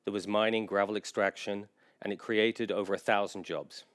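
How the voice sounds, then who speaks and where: A general manager from England gives a conference presentation in a low, smooth, resonant voice with a steady and fairly bright tone. He is measured and informative, though frequent filler pauses break up his sentences.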